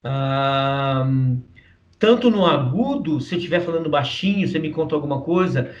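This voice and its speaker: A man with a Brazilian Portuguese accent gives a patient voice lesson, his voice sitting a little high. He keeps checking that his listener is following and demonstrates different vocal registers. The mic is set back and the sound is dull and muffled. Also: animated, moderate pace, distant mic. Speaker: singing teacher. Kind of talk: explanatory voice lesson.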